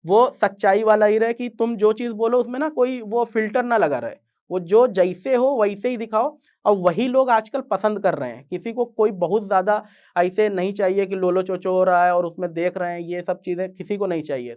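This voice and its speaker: A young man from eastern Uttar Pradesh with a Purvanchal Hindi accent, close to Bihari, telling his own story in a casual, chatty way. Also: high-pitched. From Purvanchal, Uttar Pradesh, India. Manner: casual, chatty, addresses listeners as yaar. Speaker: content creator and guest speaker. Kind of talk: storytelling talk.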